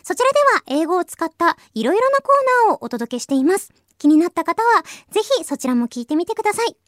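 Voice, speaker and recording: A woman's voice: extremely high pitch, big pitch swings, fast talker, no echo, studio quality. A Japanese woman hosts a radio show, switching between English with a Japanese accent and Japanese. She stops often to search for words, with many fillers. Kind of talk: casual talk in English and Japanese.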